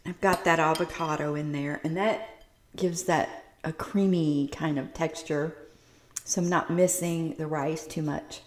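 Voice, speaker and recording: A woman's voice: low-pitched, steady tone, unhurried, roomy sound. A woman vlogger chatting casually to her viewers while eating in her home kitchen, savoring each bite. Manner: chatty, savoring food, talks between bites. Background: clinking dishes and cutlery.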